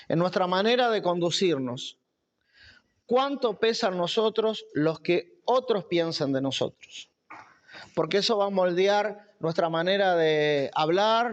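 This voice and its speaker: A man's voice: high voice, highs cut off. A man preaching a sermon at a church camp, emphatic and repeating key phrases.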